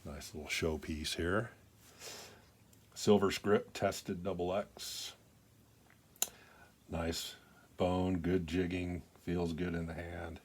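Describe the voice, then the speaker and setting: A man's voice: deep voice, level tone, slow pace, long pauses. An older man giving a casual show-and-tell of his collection, talking in a plain-spoken, folksy, rambling way. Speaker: knife collector presenting his pocketknives.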